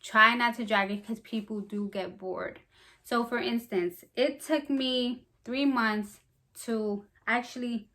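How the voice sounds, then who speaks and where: A young woman who runs a small business, talking casually to camera in an upbeat, fast, slightly breathless way. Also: mid-range voice, fairly bright tone. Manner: chatty and upbeat, talks fast. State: a bit out of breath. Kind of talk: casual vlog talk to camera.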